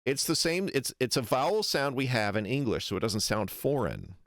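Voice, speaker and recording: An American man streaming casual commentary, rambling and animated as he exaggerates foreign vowel sounds to make his point. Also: medium pitch, moderate pace, dry recording, clean studio sound. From United States. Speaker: streamer reacting to a lecture.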